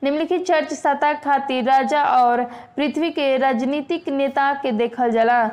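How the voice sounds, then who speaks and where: A woman with a Bhojpuri accent delivering a measured Bible sermon. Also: sits high, darkish tone. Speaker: preacher.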